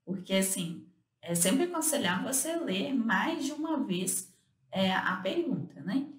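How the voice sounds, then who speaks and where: A woman co-host talks through study tips in a relaxed, explanatory way, her voice rising and falling with a lot of movement. She leans on little fillers as she goes. The sound rings a bit in an echoey room. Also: medium pitch, unhurried. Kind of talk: casual instructional talk.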